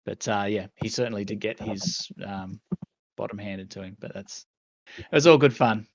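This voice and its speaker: A man's voice: fairly low pitch, moderate pace, no echo, dull audio. An Australian man hosting a casual community chat, laid-back and full of fillers. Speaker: community host.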